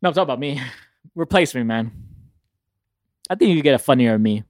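A man's voice: mid-range voice, animated, brisk, a little mellow, dry recording. Slangy, joking male podcast host, close sound. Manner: slangy, joking, street-casual. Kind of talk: casual chat.

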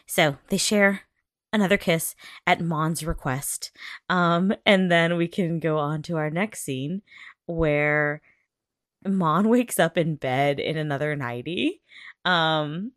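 Woman co-host, casual recap chat, giggly, teasing, excitable; dry close-mic sound. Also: sits low, slow pace, dry recording. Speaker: podcast co-host.

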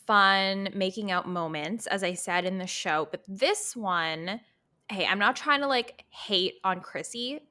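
A woman hosting a podcast, chatting casually and laughing often, sometimes mimicking characters in a high breathy voice. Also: measured pace, sharp tone. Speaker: podcast host. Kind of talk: casual chat.

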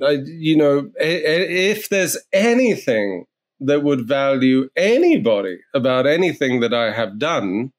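A real estate agent with a medium-pitched voice tells stories in a casual interview, blunt and animated, swearing freely as he goes.

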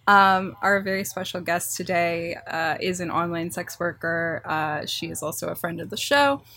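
A woman's voice: fairly low pitch, moderate pace, sharp tone. A woman co-hosting a podcast, introducing a guest and rambling enthusiastically with many restarts. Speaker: podcast co-host. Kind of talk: casual interview chat.

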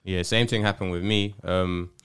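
A man's voice: low-pitched, fairly even intonation, moderate pace, a bit bright, clean tone. A man with a London roadman accent, hosting a casual chat show in a laid-back, slangy way. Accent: London roadman, urban slang. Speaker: podcast host.

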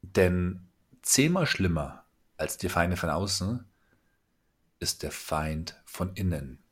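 A middle-aged man hosts a motivational podcast in a low, husky voice. He speaks straight to the listener with emphatic, coaching conviction. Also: lively intonation, slow. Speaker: podcast host.

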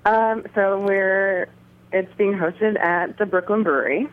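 Female phone guest, unhurried, mid-pitched, heard through a thin telephone connection. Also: steady tone. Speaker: event organizer, phone guest. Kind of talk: phone interview. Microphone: phone call. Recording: narrow, tinny phone line.

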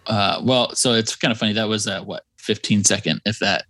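A man co-hosting a podcast who leads the rundown, recapping step by step in relaxed casual chat. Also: lowish voice, a little fast, no echo. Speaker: podcast co-host leading the episode rundown.

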